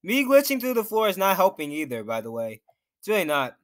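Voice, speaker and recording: A man's voice: high voice, sing-song, fairly quick. A young man commenting nervously on his own gameplay as a YouTuber, talking to himself and reacting to what happens on screen. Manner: jittery, nervous, talks to himself while playing. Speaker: gaming YouTuber.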